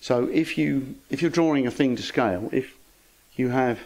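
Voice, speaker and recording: A man's voice: mid-range voice, moderate pace, darkish tone, rough recording. An older man giving an informal lecture to an astronomy club, with dry, wry humour and chatty asides. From England.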